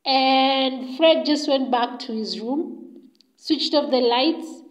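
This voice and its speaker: A woman's voice: high voice, slow pace, poor audio. A woman telling a story in a casual, chatty way, loose and full of fillers.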